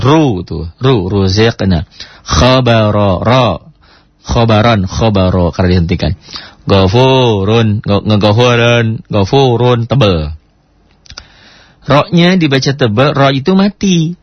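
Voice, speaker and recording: A man teaching Quran recitation rules, sounding out example words slowly syllable by syllable and explaining patiently with frequent checking questions. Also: fairly low pitch, slightly rough, no echo, highs cut off. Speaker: Islamic teacher.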